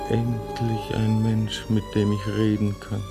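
Over music, a man with a lowish, monotone voice acts in a radio play as an anxious 36-year-old driver who fears he is going mad. He sounds urgent and rushed, pleading that he is not mad.

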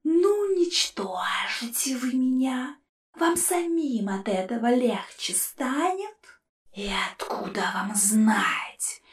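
A woman voicing a mocking male ghost skull trapped in a jar, in a slow, hissing whispered role-play. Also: fairly high pitch, very animated, reverberant, recorded from a distance, voice pushed up. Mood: scornful.

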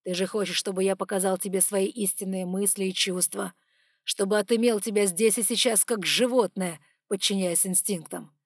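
A woman voicing a stern, furious male dragon bodyguard in an audiobook, speaking loud and clipped through gritted teeth. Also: medium pitch, a little slow, breathy edge, dry recording, studio quality. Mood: menacing. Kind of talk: audiobook character voice.

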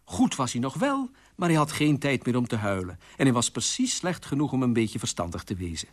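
A man reading a fairy tale aloud on radio with lively, expressive storytelling. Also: medium pitch, brisk.

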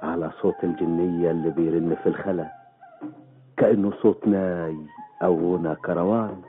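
A man's voice: sits low, fairly even intonation, fairly quick, natural voice. An actor playing a proud, romantic man in a radio drama. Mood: tender, romantic. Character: proud Bedouin man, vengeful yet tenderly romantic. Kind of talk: Arabic radio drama acting. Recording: dull old radio recording, faint music.

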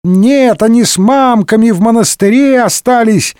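A man voicing a rowdy chorus of small boys who yell shrilly in a comic audiobook. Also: moderate pace, clean tone, no echo, clean studio sound. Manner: shrill yelling.

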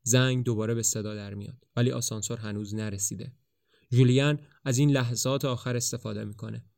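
A man narrating the story of a play in a steady, colloquial way for a podcast. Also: medium pitch, gravelly. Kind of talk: narrating a play in casual spoken Persian.

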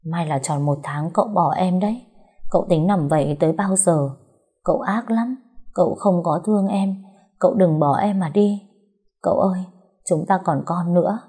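Woman doing a desperate young wife crying and begging, husky dark voice. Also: fairly low pitch. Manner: sobbing, pleading.

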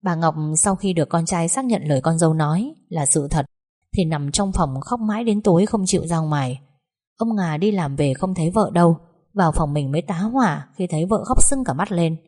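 A woman narrating a dramatic family story as an audiobook reader, in a measured, even way. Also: fairly low pitch.

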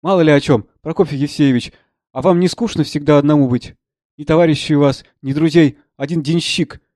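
A man voicing an earnest, brooding young man in an audiobook reading of a play, in plain low-key speech. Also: brisk, a little mellow, no echo, clean studio sound, close to an everyday voice.

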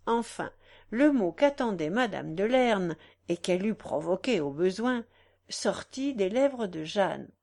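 A woman reading a nineteenth-century novel aloud, in a measured, expressive storytelling manner. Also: mid-range voice, gravelly. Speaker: audiobook narrator.

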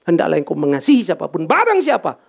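A man preaching a lively sermon as pastor, bantering with his congregation and dropping in English words. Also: on the high side, quick pace, gravelly. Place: church.

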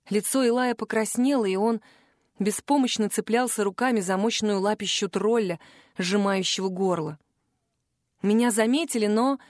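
A woman narrating a first-person audiobook in an expressive storytelling manner, close to the mic. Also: on the high side, dry recording.

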